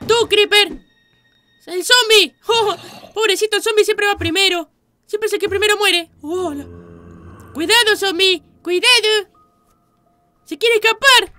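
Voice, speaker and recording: A woman hosting a video reaction, giving excitable commentary and often shouting and exclaiming at the screen. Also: very high voice.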